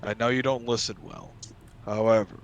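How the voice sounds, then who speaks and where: A man playing his character at a tabletop game, with dry, deadpan remarks. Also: fairly low pitch, moderate pace, lo-fi sound, a little hiss or hum. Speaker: player.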